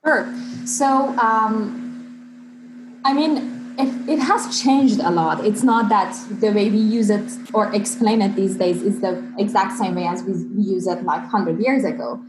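A woman in her thirties from Iran, a PhD student answering interview questions in a conversational, slightly halting way. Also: mid-range voice, background noise. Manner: earnest, slightly halting non-native phrasing with fillers. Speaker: guest, PhD student in biomechanics.

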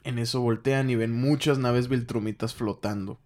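A man's voice: mid-range voice, fairly even intonation, normal speed, darkish tone. A young man with a Mexican accent, casually retelling a comic book story and voicing the characters' lines in a raised voice. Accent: Mexican Spanish. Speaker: podcast co-host recapping a comic book.

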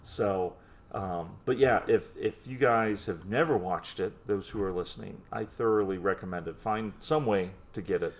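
A man in his forties with a fairly low voice co-hosts a podcast. He chats in a loose, nostalgic way, often circling back and restarting his sentences. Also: normal speed. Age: 40s. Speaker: podcast co-host. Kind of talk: casual chat.

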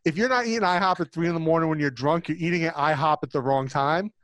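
Higher-voiced man on a dry mic. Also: quick pace, fairly bright tone, dry recording. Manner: loose, storytelling, swears casually. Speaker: podcast host. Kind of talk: casual podcast chat.

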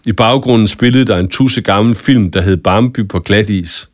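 Storybook narrator, male, lowish and expressive, dry studio read. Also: no echo. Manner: expressive children's story reading. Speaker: audiobook narrator. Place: studio booth.

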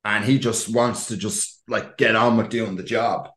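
A man's voice: lowish voice, fairly even intonation, a little slow, fairly bright tone. Echoey Irish man, emphatic and sweary. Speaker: podcast host. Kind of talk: casual gossip chat. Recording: roomy, echoey sound.

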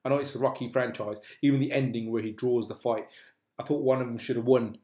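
A man chats as a podcast host, wandering through his thoughts with plenty of uhs and restarts. His voice sits in a middling range. The room gives a clear echo. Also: medium pitch, fairly even intonation, quick pace, mellow. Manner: rambling, full of uh and restarts. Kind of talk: casual chat. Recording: echoey room.

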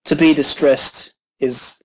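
Man, film podcast co-host, casual chat, calm, reasoned, politely disagreeing, slightly high voice. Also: slow, low-quality recording.

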